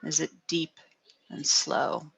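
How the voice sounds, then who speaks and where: A middle-aged woman counselor giving a gentle guided wellness talk over a video call, often asking "right?". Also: deep voice, slow, gravelly, slightly rough, no echo. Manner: gentle, frequent "right?" tags.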